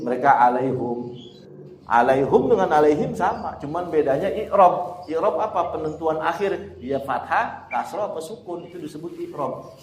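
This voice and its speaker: A man's voice: fairly high pitch, slight background noise. A man teaching a Quran lesson in an informal classroom way, chatty and often laughing as he answers students. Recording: echoey room with faint ambience.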